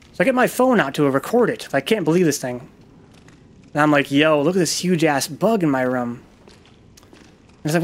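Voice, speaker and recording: Male gaming host, casual and profane, rambling self-deprecating storyteller, slightly high voice. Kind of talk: casual gameplay commentary with storytelling.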